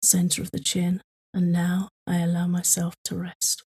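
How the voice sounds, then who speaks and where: A woman guides a sleep-focused tapping meditation in a low, mellow voice. Her tone is very breathy and airy, with flat, even delivery. She gives slow, soothing, repetitive prompts.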